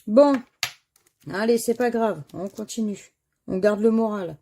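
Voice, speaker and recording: Her voice mid-range, creaky, and mellow at a normal speed, a scratch card vlogger casually comments while working through lottery crossword tickets. Each word and letter gets read aloud one by one, and misses draw a sigh.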